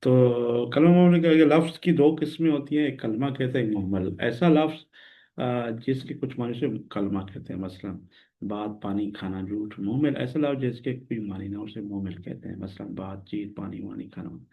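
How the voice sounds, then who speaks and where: A man from Pakistan teaching a recorded grammar lesson, explaining step by step and repeating words slowly and patiently. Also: mid-range voice, creaky. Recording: tinny phone-like audio.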